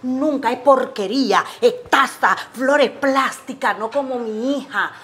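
Casting: actress as a boastful, favoritism-driven mother, fairly high voice. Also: unhurried, a bit bright. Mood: scornful. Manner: boastful, scornful. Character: vain mother who favors one daughter.

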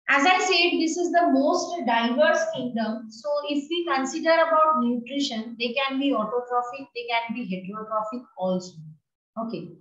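A middle-aged woman with an Indian accent teaches in a high voice, mixing in Hindi as she questions her students. The sound is echoey and dull, like a video call in a bare room. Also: a bit bright. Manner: questioning, prompting, switches between English and Hindi. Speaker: biology teacher. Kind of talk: online class lesson with questions to students. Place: indoor room with bookshelves.

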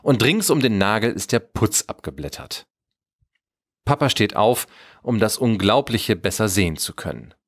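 A man narrating a German children's Christmas story in an expressive storybook manner. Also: lowish voice, normal speed.

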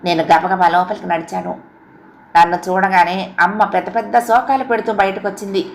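A woman narrating a first-person audiobook story with an expressive, emotional reading. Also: mid-range voice, moderate pace, creaky.

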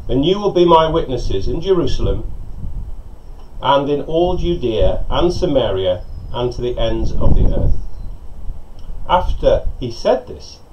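A middle-aged man, a pastor, preaching a sermon and telling stories in an animated way, recorded on a lapel mic outside on a porch. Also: medium pitch, a little slow, slight background noise. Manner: storytelling, animated, gesturing with hands. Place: covered porch outdoors by a lake. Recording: slightly dull sound with faint outdoor ambience.

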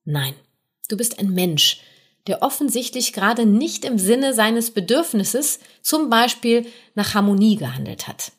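A woman hosting a podcast, gently explaining nonviolent communication to parents and addressing the listener directly with little tag questions. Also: a little high, sing-song, measured pace, slightly rough. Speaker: podcast host and communication coach. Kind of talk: podcast monologue giving parenting advice.

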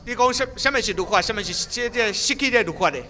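A male interpreter with a high, bright voice speaks quickly, relaying each line of the sermon and matching the preacher's stress. His voice rings out through a long stadium reverb. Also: animated. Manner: quick, following the preacher's emphasis, with some stumbles. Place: outdoor stadium.

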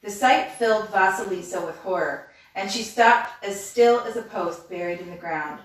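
A woman reads a fairy tale aloud in a steady, measured way, now and then stumbling on a word. Her voice sits at a middle pitch. The recording comes from a very echoey room, with the mic set well away from her. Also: far from the mic. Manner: steady, measured reading with small slips. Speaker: storyteller. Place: reading room.

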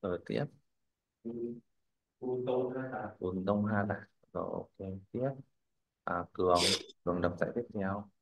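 A man's voice: fairly low pitch, slow, phone-quality sound. A male language teacher, leading a classroom pronunciation drill. He models words, corrects students, and keeps checking that they follow.

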